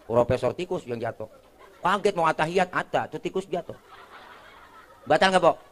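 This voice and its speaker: Man, Betawi accent, comic preacher, pitch sits a bit high; bantering with the crowd, quick put-on voices. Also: expressive, fairly bright tone. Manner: jokey, keeps asking the crowd for agreement. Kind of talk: comic sermon.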